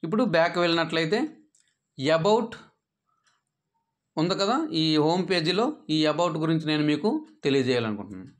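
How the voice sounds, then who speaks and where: A man gives a patient, step-by-step tutorial on an app, pausing on "aa" fillers and dropping his voice at the end of each sentence. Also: lively intonation. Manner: patient, instructive, with frequent "aa" fillers; drops pitch at sentence ends. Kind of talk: step-by-step screen tutorial narration.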